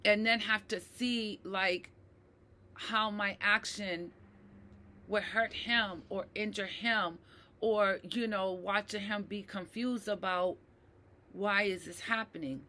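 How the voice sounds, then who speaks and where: Slow-spoken, emotional woman. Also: medium pitch, steady tone, pushed and bright. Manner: slow, emotional, heavy with fillers and tag questions. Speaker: mental health advocate. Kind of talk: personal talk to camera.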